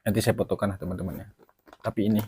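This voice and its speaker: A man giving an emotional personal testimony to his viewers, talking haltingly and apologizing for stumbling over his words. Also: lowish voice, little pitch movement, dark tone, a little hiss or hum. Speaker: channel host.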